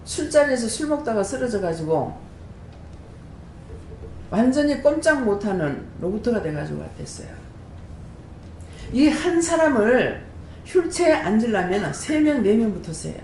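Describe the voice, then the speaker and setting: A woman, a prayer house director, giving an animated testimony sermon and throwing rhetorical questions to the congregation. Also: unhurried, pauses often. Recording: echoey room with faint rumble.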